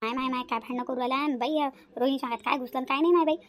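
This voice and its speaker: A woman's voice: sits high, fairly even intonation, rapid-fire, lightly acted. A woman voicing a nosy chatty village housewife. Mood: gossiping. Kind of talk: cartoon voice acting.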